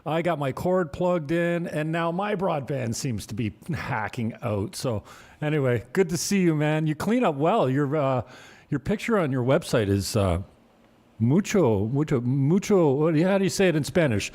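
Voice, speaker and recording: A man's voice: fairly high pitch, lively intonation, moderate pace, a little mellow. A man hosting an interview, chatting loosely and joking with his guest. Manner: joking, rambling. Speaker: host. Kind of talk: casual interview chat.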